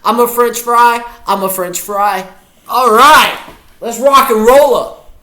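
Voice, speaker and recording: Speaking slowly in an extremely high, pushed and bright voice, a man reacts live to a football game on stream. He is chatty and goofy, addressing his viewers casually.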